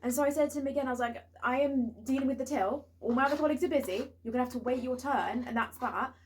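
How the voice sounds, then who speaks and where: A woman's voice: high-pitched, quick pace, poor audio. A young woman telling a story in casual chat, acting out exchanges as she retells them. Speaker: vlog co-host sharing retail stories. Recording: clear background noise.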